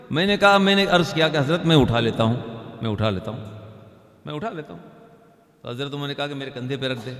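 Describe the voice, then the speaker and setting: Male preacher, earnest storytelling sermon, slightly high voice, long hall reverb. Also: fairly bright tone. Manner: earnest, repetitive, questioning. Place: large hall.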